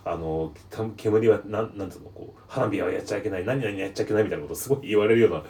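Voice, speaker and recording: A man's voice: fairly low pitch, rapid-fire, darkish tone. A man hosting a radio-style talk show, telling rambling anecdotes in casual chat. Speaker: podcast host.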